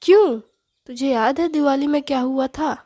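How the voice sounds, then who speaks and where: Bossy middle-aged mother-in-law, scolding, teasing, fairly high voice, as a woman narrator puts her on. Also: fairly even intonation, fairly quick, a little mellow, lightly acted.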